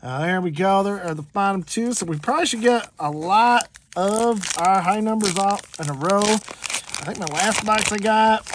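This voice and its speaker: A man's voice: sits high, normal speed, background noise. A man casually talking through a pack opening as channel host, chatty and rambling with lots of fillers. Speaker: card collector and channel host. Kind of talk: casual card-opening commentary.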